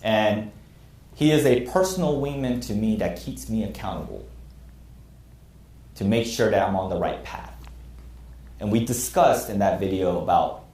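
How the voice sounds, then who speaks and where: This military instructor, a man in his thirties, gives a classroom lecture in an echoey space and speaks earnestly and openly about his own past errors. He talks at a moderate pace with long pauses, in a fairly low, darkish voice.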